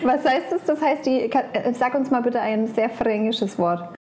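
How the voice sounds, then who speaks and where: A woman's voice: a little high, moderate pace, a little mellow. A woman chatting casually and playfully as a podcast host. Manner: giggly, playful. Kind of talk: casual chat. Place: holiday apartment by the sea. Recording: clearly noisy location recording.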